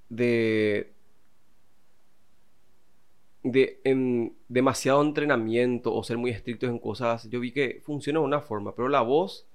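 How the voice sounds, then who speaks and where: A man who teaches singing and voice, explaining vocal technique in a casual interview. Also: medium pitch.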